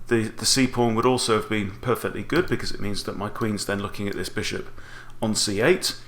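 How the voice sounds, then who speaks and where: A man's voice: on the low side, steady tone, brisk, fairly bright tone. A man in his forties giving explanatory chess commentary as an instructor, talking through options with rhetorical questions.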